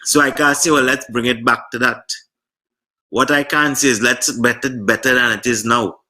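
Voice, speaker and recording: A Trinidadian man appearing as a talk show guest. His voice is bright and forward, with a mid-range pitch. He speaks earnestly and from the heart, stumbling a little as he goes. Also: fairly even intonation. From Trinidad and Tobago. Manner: earnest, heartfelt, slightly halting. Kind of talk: casual political chat.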